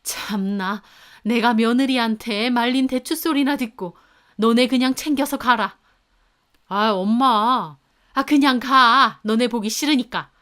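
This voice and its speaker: Storybook figure: a bossy older mother-in-law who scolds and shouts, acted by a woman in a smooth, raised voice. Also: on the high side, slow. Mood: furious. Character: sharp-tongued older mother-in-law, quick to anger.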